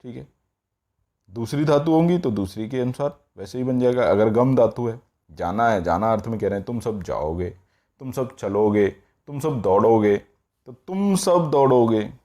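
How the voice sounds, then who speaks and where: This man's Sanskrit grammar lesson is patient and repetitive: he repeats every form slowly and keeps checking in with "all right." His medium-pitched voice is mellow, with lively intonation.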